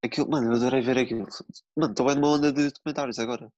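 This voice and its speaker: Fast-talking young Portuguese man, slangy. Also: medium pitch, fairly even intonation, darkish tone, dry recording, muffled recording. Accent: European Portuguese. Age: young adult. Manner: slangy and swearing. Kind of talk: casual chat.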